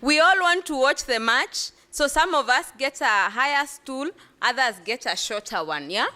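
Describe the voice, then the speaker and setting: A woman's voice: high-pitched, expressive, moderate pace, pushed and bright. A woman leading a workshop discussion, asking the room questions and laughing often. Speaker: workshop facilitator. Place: conference room.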